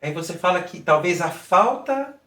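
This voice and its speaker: A woman's voice: lowish voice, lively intonation, normal speed, a bit bright. A woman hosting an interview, affirming her guest and searching for words. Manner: affirming, hesitant with fillers. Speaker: host. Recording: echoey room, voice a bit far from mic.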